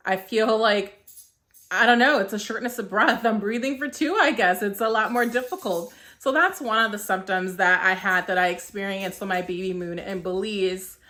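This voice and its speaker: Bright-voiced woman vlogging, short of breath. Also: mid-range voice. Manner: chatty, frequent "um" and "like" fillers. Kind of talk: casual vlog talk to camera.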